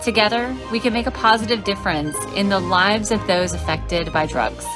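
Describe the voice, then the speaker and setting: A woman reading a scripted sponsor advertisement in a smooth, promotional way. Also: medium pitch, normal speed, music in the background. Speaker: ad announcer. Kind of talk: read commercial.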